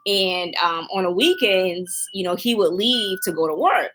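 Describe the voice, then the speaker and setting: A woman's voice: medium pitch, moderate pace, a bit bright, a little hiss or hum. A young woman with a New York accent, co-hosting a casual chat podcast, candid and giggly, trailing off into ums. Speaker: podcast co-host.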